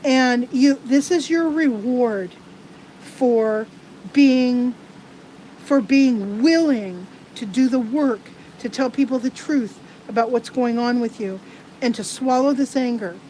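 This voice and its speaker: A woman giving live tarot card readings to viewers. She talks in a halting, earnest way with many restarts. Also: on the high side, mellow, slight background noise, rough recording.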